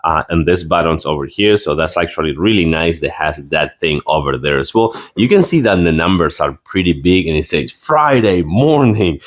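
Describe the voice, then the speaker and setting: A man's voice: sits low, animated, normal speed, hardly any pauses. A man giving a casual product review and demonstration in a rambling, repetitive way.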